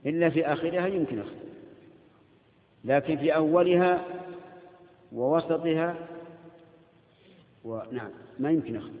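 A man teaching a lesson on Arabic grammar, patiently quizzing his students and drilling word forms aloud. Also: fairly high pitch. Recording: phone-like audio in a roomy hall.

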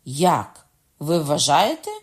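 An audiobook reader voicing a hot-tempered young nobleman who shouts and threatens. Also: mid-range voice, animated, moderate pace, natural voice. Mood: indignant shouting. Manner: loud, shouting and indignant. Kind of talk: audiobook character voice.

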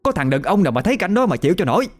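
A man's voice: sits high, sing-song, rapid-fire, voice pushed up. A man with a Southern Vietnamese accent voicing a frantic, middle-aged village wife who wails and shrieks. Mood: shrill fury. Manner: wailing, shrieking.

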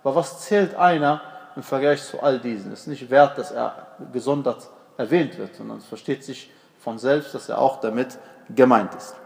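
A man's voice: medium pitch, moderate pace, creaky, a little mellow. Patient male Quran teacher, reverberant. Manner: explains patiently, many fillers and restarts, asks "okay?". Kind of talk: tafsir lesson, explaining verses.

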